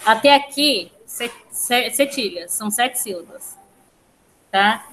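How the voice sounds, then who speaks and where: A woman's voice: fairly high pitch, expressive, slow pace, a bit bright. A woman teaching a language class online, explaining step by step, counting syllables aloud and checking in with her students. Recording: echoey room, faint background noise.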